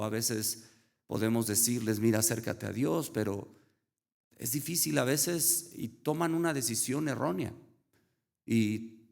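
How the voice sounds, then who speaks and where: A man preaching a sermon, speaking slowly and earnestly and telling a story with rhetorical questions. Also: mid-range voice, vocal fry, a little mellow. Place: church hall. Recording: reverberant hall.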